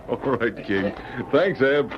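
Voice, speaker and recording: Upright Mountie sergeant, medium pitch, earnest, authoritative, muffled old radio drama recording. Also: male voice, lively intonation, slow, background noise. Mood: friendly. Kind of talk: 1940s radio drama acting.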